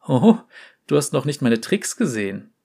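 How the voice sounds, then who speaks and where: A man voicing a shy, gentle porcelain clockwork boy in a storybook, soft-spoken and playful. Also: mid-range voice, moderate pace, close to an everyday voice.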